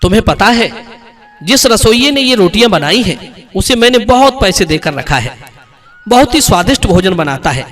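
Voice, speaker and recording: A man's voice: sits high, very animated, moderate pace, a bit bright. A man voicing a sly, stingy middle-aged merchant who coaxes his guest in a hearty tone. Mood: coaxing.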